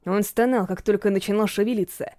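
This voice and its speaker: Woman narrator for a fantasy audiobook, mellow tone, measured delivery, dry close sound. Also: mid-range voice, steady tone, no room sound.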